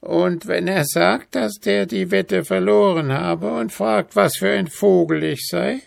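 A man doing a cunning old hag in a storybook reading, her voice pitched far up into a thin, strained cackle. She drawls slyly and sounds bold and scheming, with a rough, gravelly edge and a close, dry sound. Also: takes it slowly, no echo, exaggerated voice. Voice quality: high cackle.

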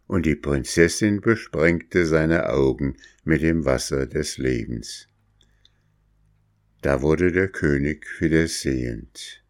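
A male storyteller reading a fairy tale aloud in a measured, calm way. His voice is deep and low. He takes his time over every sentence.

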